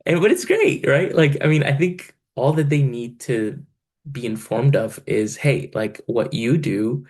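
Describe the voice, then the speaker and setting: Speaking at medium pitch and a little slowly, a thirtysomething man from Egypt fields interview questions. He serves as a church's financial controller and pastors part-time, and his easygoing answers are packed with fillers and punctuated by laughter.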